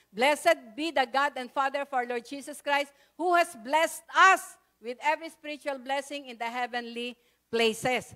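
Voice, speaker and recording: High-voiced Filipino woman preaching. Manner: frequent "no?" tag questions, warm storytelling with rising excitement. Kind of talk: sermon storytelling. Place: church service.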